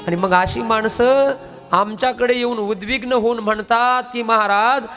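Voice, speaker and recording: A high-pitched man tells a devotional story as a sermon to a live gathering. He speaks emphatically, quizzing his listeners and calling for their answers. Musical instruments sound clearly behind his voice. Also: fairly even intonation, moderate pace, a bit bright, faint music behind. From Beed, Maharashtra. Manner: emphatic, quizzes the audience and asks them to answer aloud. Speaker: Bhagavat katha preacher. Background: musical instrument accompaniment.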